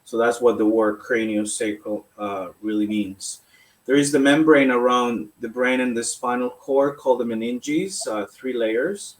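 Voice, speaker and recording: A man from Colombia, a massage therapist, calmly answering interview questions and explaining his work. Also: mid-range voice, unhurried.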